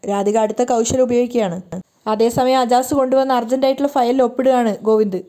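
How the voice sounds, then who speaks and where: A woman narrating a recap of a television serial in a steady, plain storytelling manner. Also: on the high side, fast.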